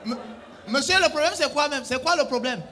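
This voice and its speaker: A man's voice: extremely high pitch, brisk, pushed and bright, slight background noise. A young adult man performs a comic one-sided phone-call sketch. He plays a bossy emergency operator who scolds his callers in mock-official phrasing. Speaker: comedian.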